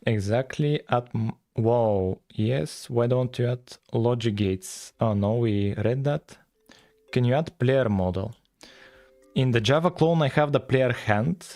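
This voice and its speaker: A Bulgarian man with a Bulgarian accent livestreams his coding, chatting casually and thinking out loud as a game developer and streamer. His medium-pitched voice has a dark tone, and he speaks slowly. The sound is dry with no echo, and faint music plays behind him.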